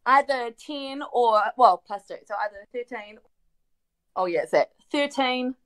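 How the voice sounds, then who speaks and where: Woman, player, quick and playful, higher pitch. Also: expressive, low-quality recording. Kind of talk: playing a tabletop game over a call. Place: home bedroom. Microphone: home remote-call mic.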